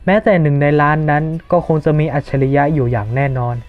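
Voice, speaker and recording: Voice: medium pitch, steady tone, quick pace. A dub reader narrating and playing every character in a manga fan dub. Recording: dull lo-fi voice-over with faint music.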